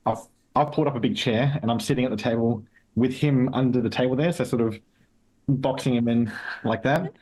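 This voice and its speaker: A man's voice: medium pitch, fairly quick, a little mellow, husky, rough recording. A man playing a tabletop game who laughs often. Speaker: player.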